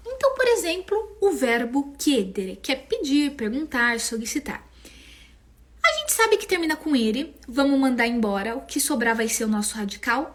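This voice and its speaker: A young woman teaching a live online language class, explaining patiently and sounding out each form slowly. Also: high-pitched. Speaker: Italian teacher.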